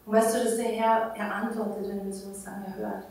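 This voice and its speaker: A woman's voice: medium pitch, level tone, brisk, darkish tone. A woman pastor, preaching a sermon as a chatty personal story and acting out her own inner dialogue. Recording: roomy hall, voice from a distance.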